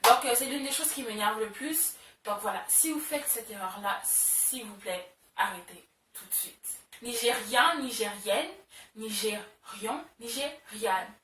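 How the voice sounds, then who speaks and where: A young woman vlogs casually to her camera in a bright, somewhat high voice, chatty and full of fillers, repeating words for emphasis. She sits a little back from the mic, and her voice carries a roomy echo with faint noise behind it. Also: animated, unhurried, distant mic. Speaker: beauty vlogger.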